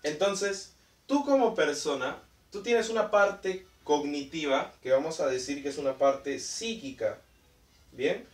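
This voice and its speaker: A man from Peru explains a lesson slowly, pausing to check in with his students and drawing out key words. His voice sits slightly high. He sounds set back from the mic in an echoey room. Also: lively intonation, distant mic. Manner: checks in with "¿bien?" and "¿listo?" often. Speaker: teacher. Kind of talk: language lesson.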